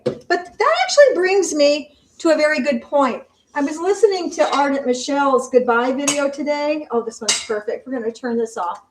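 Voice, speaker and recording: An older woman with a high voice talks casually while she cooks in her home kitchen. She chats in a friendly, homey way, narrating each step as she goes. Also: a little hiss or hum, poor audio. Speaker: vlogger. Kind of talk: casual cooking vlog.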